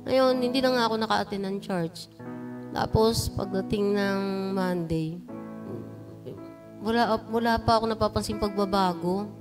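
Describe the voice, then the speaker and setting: A woman telling her church testimony, recounting her story and building into loud, fervent praise. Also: medium pitch, unhurried, pauses often, over music. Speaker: church member giving testimony. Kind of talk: personal testimony at a prayer meeting. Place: church sanctuary.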